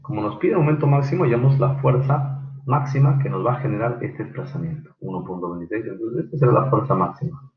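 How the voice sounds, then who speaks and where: A man teaching an online engineering class, halting with many fillers and quizzing students by name. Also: lowish voice, reverberant, narrow, tinny audio. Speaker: engineering lecturer.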